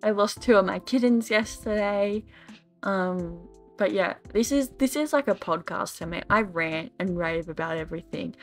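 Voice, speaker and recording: A woman's voice: lowish voice, vocal fry. A tired young woman rambling and ranting in a casual, self-deprecating voice-over while she builds in a game. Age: young adult. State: tired, yawning. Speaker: Sims gaming YouTuber.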